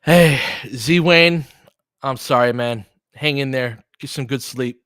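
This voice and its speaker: Calling basketball live for a fan stream, this American host sounds conversational and analytical, frequently speaking in short, clipped phrases. His mid-range voice is slow and a bit bright. The audio is dry with a clean studio finish.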